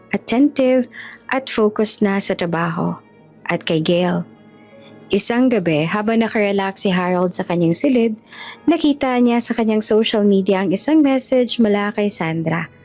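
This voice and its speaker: Woman storyteller, mid-pitched, steady scripted narration, faint music under.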